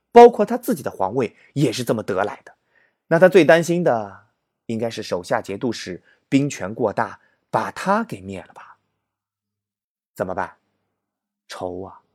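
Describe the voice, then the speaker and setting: A man narrating history as a comic story, animated and exaggerated. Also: mid-range voice, slightly rough, no echo, studio quality.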